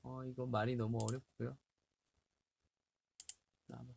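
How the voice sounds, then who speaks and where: A twenties-aged livestream host sits in a small bare room, reading health tips to his fans in casual chat and laughing often. His gravelly, slightly mellow mid-range voice barely moves in pitch and keeps a measured pace. There's a little hiss or hum on the desk-distance webcam mic.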